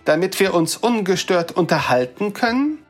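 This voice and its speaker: A storyteller voicing a hurried, flustered male dwarf toymaker who stammers and fusses. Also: mid-range voice, sing-song, soft background music, voice pushed up. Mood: wary. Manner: stammering, eager, fussy.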